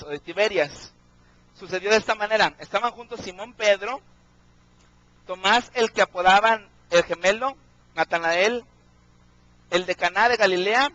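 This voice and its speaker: A man's voice: high-pitched, bright, forceful tone, dry recording, highs cut off. Man, preacher, sermon, questions the crowd, dry sound. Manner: questions the congregation, checks in with "¿sí?".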